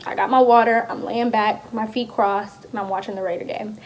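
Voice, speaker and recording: A woman's voice: medium pitch, steady tone, brisk. A young woman casually telling a personal story as a vlogger, chatty and acting out the dialogue of people in it. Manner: chatty, acts out quoted dialogue.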